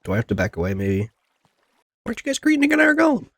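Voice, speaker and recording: Racing along with wildly swooping pitch, a man with a high, gravelly, somewhat bright voice provides loose, meandering game commentary for his video. A cold has left his nose plugged and his voice stuffy, and he often talks to himself and the characters; there's no room sound.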